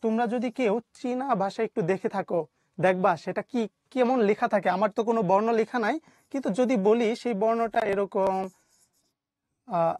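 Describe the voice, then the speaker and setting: A woman's voice: on the high side, moderate pace, a little mellow, dry recording. A woman teacher giving an online lesson with a Bangladeshi Bengali accent. She keeps asking the class questions and then answers them herself.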